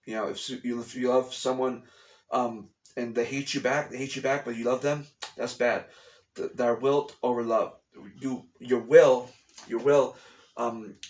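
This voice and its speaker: At home in a room with a TV, a male vlogger talks casually to his camera in English, his first language, bluntly dismissing conspiracy theories in an explanatory monologue. His voice is mid-range with a darkish tone. He rambles and often repeats phrases.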